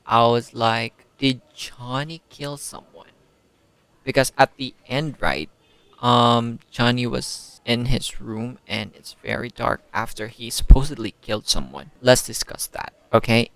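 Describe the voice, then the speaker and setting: A young man giving a casual, excitable spoken book review, full of slang and rhetorical questions. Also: mid-range voice, clean tone, no room sound. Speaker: book vlogger.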